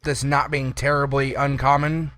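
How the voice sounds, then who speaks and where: A man's voice: medium pitch, flat delivery, moderate pace, fairly bright tone, no echo, clean studio sound. A man narrating as dungeon master of a tabletop role-playing game, talking in an easygoing, rambling way.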